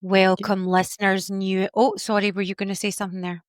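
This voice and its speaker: A woman co-hosts a podcast in easy casual chat, playful and quick to laugh as she fires off questions. Her voice sits in a middle register and sounds close and dry, with no room around it. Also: medium pitch, little pitch movement, no room sound. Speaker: podcast co-host.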